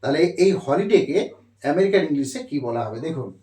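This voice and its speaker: A man teaching English vocabulary, speaking slowly, repeating himself and spelling words letter by letter. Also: a little high, big pitch swings, dark tone. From India. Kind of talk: explaining lesson on a board. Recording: echoey room.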